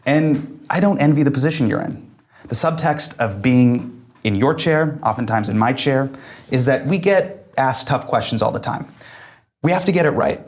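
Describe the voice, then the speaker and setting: A man's voice: mid-range voice, lively intonation. A man hosting a comedic interview, playful and teasing with his guests. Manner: playful, teasing, quick-witted. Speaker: host.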